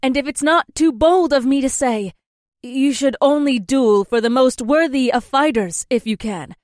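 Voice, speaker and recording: A fierce young warrior princess, with a very high voice. She speaks in stiff, formal, old-fashioned phrases and is eager for battle. The sound is close and dry. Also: normal speed, dry recording. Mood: thoughtful.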